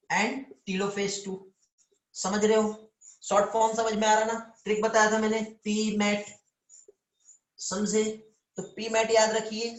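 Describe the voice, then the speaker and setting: A man's voice: sits high, reverberant. A man teaching biology in a live online lecture, calling students "beta" and often checking whether they understand.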